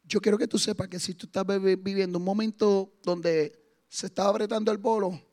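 A man preaching a sermon with fervor, moving from hushed stretches to loud exclamations. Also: high-pitched, fairly even intonation, fairly quick. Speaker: guest preacher.

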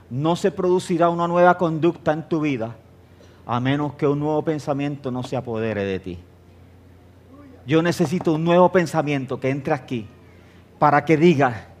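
A middle-aged man preaching a sermon, telling stories with laughter. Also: a little high. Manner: animated storytelling, laughing, acting out voices. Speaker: pastor.

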